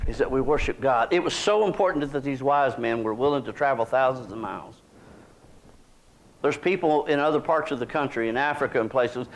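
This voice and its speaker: Middle-aged preacher, mid-pitched, folksy and conversational, small sanctuary, faint background hiss. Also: male voice. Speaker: pastor. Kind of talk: sermon. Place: small church sanctuary, indoors.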